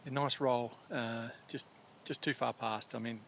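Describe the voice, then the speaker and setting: A man's voice: medium pitch, steady tone, a little slow, gravelly, fairly bright tone, slight background noise. A man giving live, conversational golf commentary in blunt, colourful turns of phrase.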